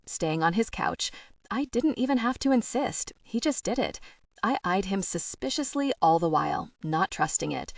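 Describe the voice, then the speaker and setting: A woman reading a first-person romance audiobook with wry, expressive storytelling. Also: medium pitch, no room sound, clean studio sound, recorded from a distance. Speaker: audiobook narrator.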